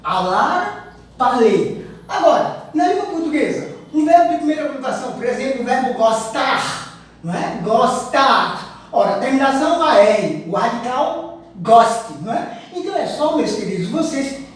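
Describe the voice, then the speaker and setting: A woman teaching a language lesson, explaining and slowly repeating verb conjugations with frequent chuckles. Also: high-pitched, lively intonation, a little mellow. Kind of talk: recorded online language lesson. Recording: echoey room, mic far off, faint noise.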